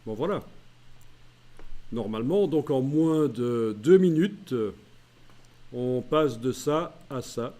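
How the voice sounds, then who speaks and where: Mellow-voiced man teaching software. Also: medium pitch, animated. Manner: walks through menu steps aloud, many "euh" pauses. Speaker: software trainer. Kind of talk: screen-recorded tutorial.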